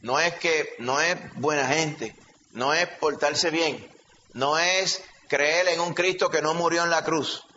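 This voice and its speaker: A man preaches in a fairly high, forceful, bright voice, teaching emphatically and constantly checking that his listeners follow. His voice rings through a reverberant hall, captured with a slightly dull, muffled quality and a faint hum underneath. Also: slow. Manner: emphatic teaching, frequent checking questions to the congregation. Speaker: pastor. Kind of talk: sermon.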